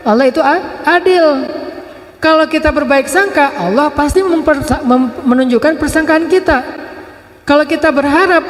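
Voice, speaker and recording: A man's voice: extremely high pitch, roomy sound, in a large hall, poor audio. A male preacher giving a casual storytelling sermon and quoting Arabic phrases.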